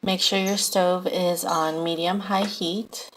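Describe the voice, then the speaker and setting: Lower-pitched young woman, casual cooking voice-over. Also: steady tone, takes it slowly. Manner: informal, conversational. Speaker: home cook presenting a recipe. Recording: faint background noise.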